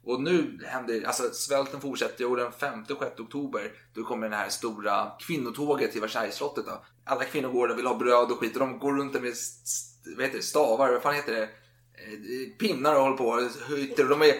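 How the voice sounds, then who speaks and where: A man's voice: medium pitch, steady tone. A man telling a history story in a loose, chatty way, with plenty of casual swearing. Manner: chatty, swears freely, acts out quotes. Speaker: podcast co-host. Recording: roomy echo.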